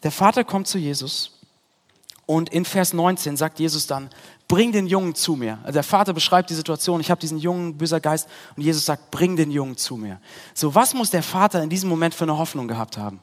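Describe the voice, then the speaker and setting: Earnest male preacher in a reverberant hall. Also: brisk. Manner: earnest, rises on quoted prayers, drops low at ends. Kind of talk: sermon.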